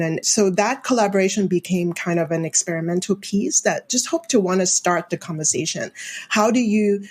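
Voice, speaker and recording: A woman's voice: mid-range voice, darkish tone. A middle-aged woman from Hong Kong, a film studies professor, answering interview questions thoughtfully, with fillers and light laughs.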